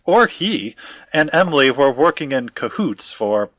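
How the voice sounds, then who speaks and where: A man in an audio drama plays a formal, fussy, courteous academic investigator who is precise, wordy, and old-fashionedly polite, with a formal, measured mood. His mid-range voice is sing-song and measured in pace. The audio is dull, with no room sound.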